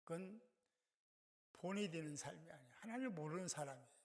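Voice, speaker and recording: Gravelly-voiced man preaching in a reverberant hall. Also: fairly high pitch, animated, brisk. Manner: emphatic preaching with sudden swells in volume. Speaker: pastor. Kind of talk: sermon.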